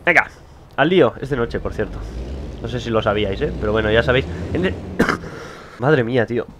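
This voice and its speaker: A man's voice: medium pitch, lively intonation, fairly quick, lo-fi sound. A young man with a Spain Spanish accent, rambling and joking at himself in casual let's-play commentary from a home studio. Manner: rambling, chatty, self-mocking, laughs often. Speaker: gaming YouTuber. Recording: loud driving game engine noise behind.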